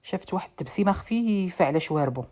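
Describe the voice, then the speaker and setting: A woman with a Moroccan accent narrating a romance story in an intimate, quick manner, with small restarts. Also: on the low side, lively intonation, mellow.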